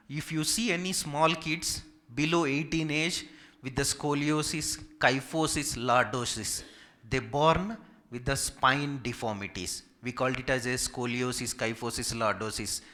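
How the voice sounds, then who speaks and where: A physiotherapist from Hyderabad, a native Telugu speaker with a Telugu Indian accent, gives an informal medical presentation with audience questions. His medium-pitched voice sounds pushed and bright at a normal speed. He's polite, repetitive and emphatic when listing.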